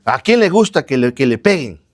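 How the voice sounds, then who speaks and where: A man's voice: mid-range voice, big pitch swings, brisk. A man preaching a sermon, asking questions and answering them himself, repeating phrases in lists, speaking straight to his listeners. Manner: addresses listeners directly.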